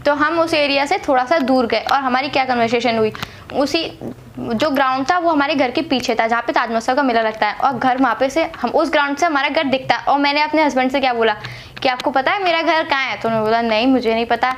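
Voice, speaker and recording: A woman's voice: high-pitched, fast talker, slight background noise. A young woman from Agra, India, telling a personal story to camera in a chatty way, repeating herself and using many fillers. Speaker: vlogger telling her marriage story.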